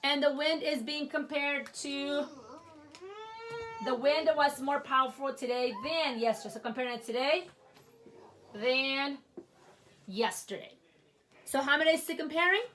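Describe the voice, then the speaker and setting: Slow, patient high-voiced woman teacher. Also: fairly bright tone, a little hiss or hum. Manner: slow, patient, repeats "okay?" often. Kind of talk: grammar lesson video. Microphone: writing at a board while talking.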